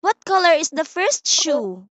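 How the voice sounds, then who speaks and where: High-pitched Filipino woman, slowly coaching a toddler's reading. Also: big pitch swings, a bit bright, no room sound. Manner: simple, patient prompting, as if reading with a toddler. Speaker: teacher. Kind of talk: one-on-one reading lesson for a young child. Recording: dry, dull lo-fi audio.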